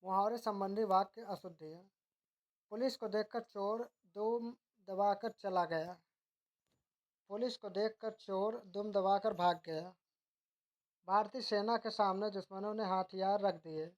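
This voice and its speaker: A woman teacher working through a grammar drill at an even, measured pace. She reads each wrong sentence, then its corrected form, and now and then stops to fix a word mid-way. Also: mid-range voice, highs cut off.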